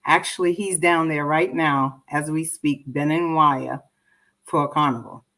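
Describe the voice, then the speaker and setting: A poet and filmmaker from Trinidad and Tobago answers interview questions as a guest, speaking in an earnest, reflective and conversational way. Her voice is low and a bit bright, with a steady tone and a measured pace.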